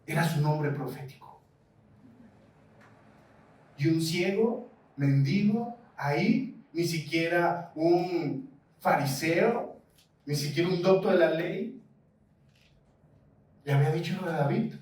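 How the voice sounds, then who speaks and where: Mexican male pastor, lively questioning preacher, high voice, recorded from a distance in a reverberant hall. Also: slow, long pauses. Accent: Mexican Spanish. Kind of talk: sermon. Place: church hall. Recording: echoey church hall, mic at a distance.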